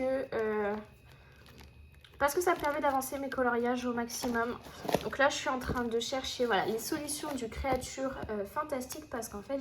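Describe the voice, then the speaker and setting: A woman's voice: high-pitched, a bit bright, slight background noise. A woman chatting casually to camera about her finished coloring pages, with many fillers and restarts. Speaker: coloring hobby vlogger.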